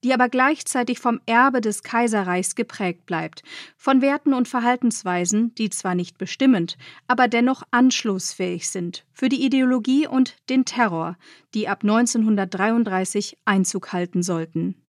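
A woman narrating a scripted radio feature on literature, measured and explanatory. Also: fairly high pitch, no room sound, studio quality.

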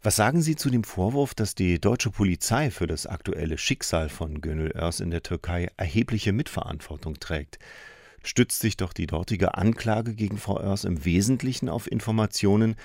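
A man's voice: low-pitched, normal speed, a little mellow, dry recording, studio quality. A man asking interview questions in a matter-of-fact radio manner.

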